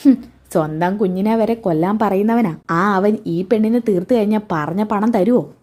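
A woman's voice: mid-range voice, normal speed, mellow, natural voice. A woman voicing a hired male thug who answers his boss deferentially and wary.

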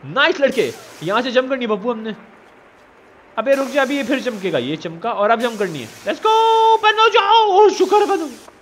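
A man's voice: extremely high pitch, sing-song, moderate pace, fairly bright tone, a little hiss or hum. A man giving casual let's-play commentary, teasing and scolding the character he controls. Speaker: gamer.

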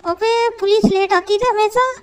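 A squeaky foul-mouthed gangster don. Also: male voice, steady tone, normal speed. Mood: taunting. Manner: brash, abusive, nonstop cursing and taunting. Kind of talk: comic abusive game dub.

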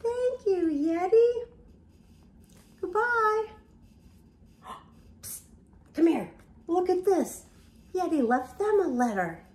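Her voice very high and her pace slow with long pauses, an older woman reads aloud from a picture book to young children. The home recording, made in front of a camera in an echoey room, is full of animated gasps and whispers.

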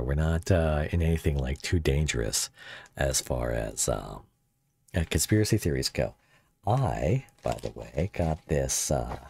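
Very deep voice-changer man, gravelly. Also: a little mellow, no room sound. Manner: rambling, joking, self-interrupting. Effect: voice changer pitching the voice very deep. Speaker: streamer. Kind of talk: casual livestream chat.

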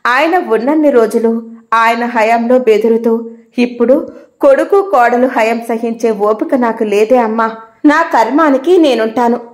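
A woman's voice: a little high, unhurried, close to an everyday voice. A woman voicing an older widowed mother who speaks with weary reproach in a storybook reading. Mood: hurt, bitter.

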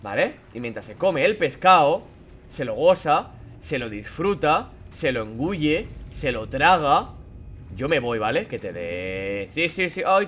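A man's voice: fairly high pitch, a bit bright, slight background noise. A young man from Spain with a Spain Spanish accent, commentating a horror game as he plays it. He swears and yelps at the scares, then drops to mutters between them. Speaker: gaming YouTuber.

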